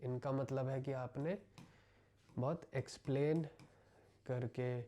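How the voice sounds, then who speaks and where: Slow, mellow Indian male English teacher. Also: medium pitch, steady tone. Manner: slow, explains each word and repeats it in Hindi. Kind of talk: vocabulary lesson.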